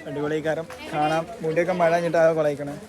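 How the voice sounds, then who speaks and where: Man, high voice, Kerala accent, Malayalam-English mix, casual amateur vlogger, loud crowd and traffic around him outdoors. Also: flat delivery, fast. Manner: mixes Malayalam with English words. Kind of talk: casual vlog chat with friends. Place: outdoors on a trip.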